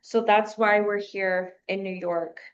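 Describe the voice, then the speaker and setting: A woman from New Mexico speaking at a press conference, measured and pausing often on fillers. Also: mid-range voice, steady tone, dull audio. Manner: measured, with frequent filler pauses.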